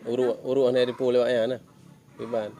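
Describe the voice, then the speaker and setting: Mellow man, asking questions. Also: medium pitch, flat delivery, quick pace. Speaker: interviewer. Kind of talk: casual conversational questioning. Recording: faintly noisy amateur recording, outdoor ambience.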